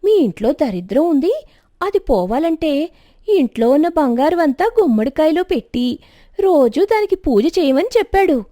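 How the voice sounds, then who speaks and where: A woman's voice: high voice, very animated, normal speed, warm tone, dry recording, studio quality, pitched above the performer's own voice. A woman voicing a boastful, gold-laden village woman in a cartoon story. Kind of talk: storybook voice acting.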